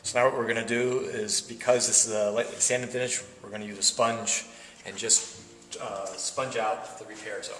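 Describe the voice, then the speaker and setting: A man demonstrating wall repair techniques step by step, explaining in a relaxed way with frequent fillers. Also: lowish voice, moderate pace, slight background noise. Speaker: plaster instructor. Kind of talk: instructional demonstration. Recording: roomy echo, voice from a distance, faint music.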